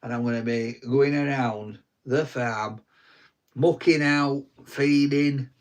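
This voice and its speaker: A man's voice: mid-range voice, takes it slowly. Jokey Yorkshire man chatting live. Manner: jokey, teasing, rambling with restarts. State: tired from little sleep. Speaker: co-host of a live stream. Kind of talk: casual live chat.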